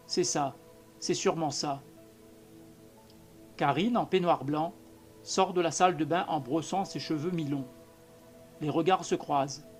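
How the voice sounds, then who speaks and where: A man reading a short story aloud as an audiobook narrator, in a measured, calm manner. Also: a little high. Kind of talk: scripted narration.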